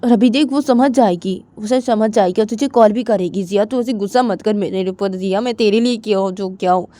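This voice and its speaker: A woman's voice: sits high, moderate pace, warm tone, no room sound, voice pushed up. Adi, a woman playing a pleading young man. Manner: pleading, coaxing.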